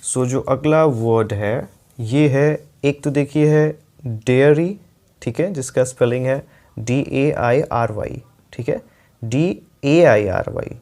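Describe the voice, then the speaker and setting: A young man with an Indian accent teaching an English grammar lesson. His voice is mellow and warm at an average pitch. He explains patiently and repeats each example sentence slowly, as if for dictation.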